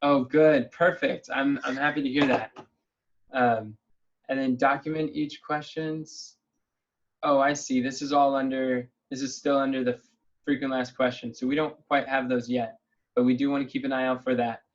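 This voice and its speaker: A man's voice: mid-range voice, steady tone, moderate pace. A man leading a casual planning call over a video link, thinking aloud in an upbeat way. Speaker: meeting leader. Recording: dull lo-fi call audio.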